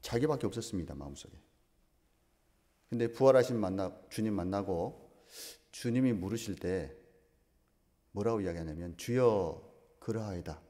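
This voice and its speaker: Mellow-voiced male pastor in reverberant hall. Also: lowish voice, expressive. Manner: asks the congregation questions, slow emphatic phrasing. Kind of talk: sermon. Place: church sanctuary. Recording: long reverb of a church hall.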